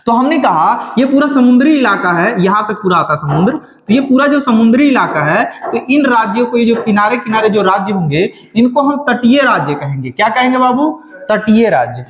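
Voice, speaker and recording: A man's voice: high voice, animated, normal speed, a bit bright. A male teacher, giving a classroom lecture and drilling students by having them repeat lists after him. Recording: echoey room, dull lo-fi sound.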